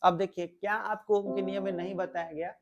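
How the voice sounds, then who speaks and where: High-voiced male physics teacher lecturing. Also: steady tone, brisk, highs cut off. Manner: explains step by step, repeating key words and asking the class questions. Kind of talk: classroom lecture.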